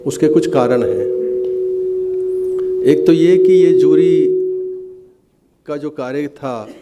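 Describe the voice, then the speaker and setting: A middle-aged man giving a formal speech at an award ceremony, pausing often with fillers. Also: a little high, expressive, very noisy. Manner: hesitant, many filler sounds, measured. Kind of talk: formal ceremony speech, Hindi mixed with English.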